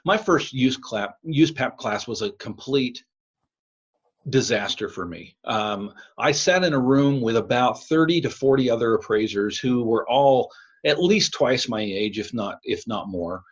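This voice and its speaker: This American podcast host's voice is mid-range, expressive and husky, delivered at a measured pace in casual talk. Because it's captured by a laptop's built-in mic, everything has a tinny, tin-can quality.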